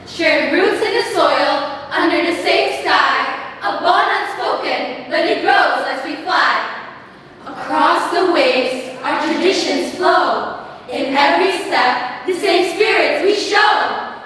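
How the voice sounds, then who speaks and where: Casting: teenage female choral speaking group, reciting in unison, very high and slow, declamatory delivery. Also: animated, a bit bright. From Indonesia. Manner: theatrical, declamatory, emphatic. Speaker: school choral speaking team performers. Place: large echoey hall, recorded from far off. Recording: echoey hall, distant mic, background noise.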